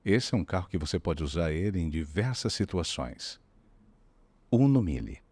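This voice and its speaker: A smooth, low Brazilian commercial announcer, as a man puts him on. His voice is velvety and unhurried, and it sounds dry and close. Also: big pitch swings, darkish tone, no room sound, full character voice. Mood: seductive. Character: smooth, deep male ad announcer.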